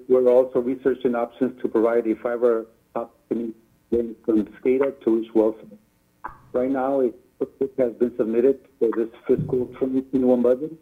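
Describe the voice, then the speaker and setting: A man's voice: medium pitch, husky. A man on staff giving a formal, prepared report at a board meeting, speaking politely and deferentially, heard over a phone line that keeps breaking up. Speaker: utility staff member presenting a report.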